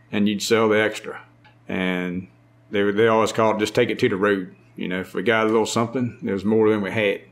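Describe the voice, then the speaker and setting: A middle-aged man with a strong Maryland Eastern Shore accent, a farmer talking casually in an interview with a drawn-out, unhurried way of speaking. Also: fairly low pitch. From lower Eastern Shore of Maryland. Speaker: farmer and market owner.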